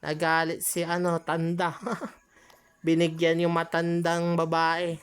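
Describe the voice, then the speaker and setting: Low-voiced woman chatting over a game. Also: completely flat delivery, takes it slowly, smooth, faint music behind. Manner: chatty, exclaims often, laughs at her own mistakes. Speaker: gaming channel host. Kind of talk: casual gameplay commentary.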